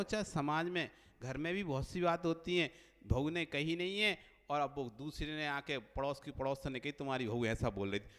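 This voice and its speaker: Male monk preacher, high voice, lively storytelling sermon with acted dialogue, long hall reverb. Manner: animated storyteller acting out dialogue.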